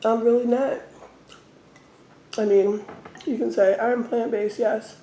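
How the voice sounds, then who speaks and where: A woman telling stories casually as an eating-show host, talking in short phrases with pauses. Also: fairly high pitch, little pitch movement, dark tone, slight background noise. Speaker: mukbang host. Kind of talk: casual storytelling while eating. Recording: roomy, echoey indoor sound.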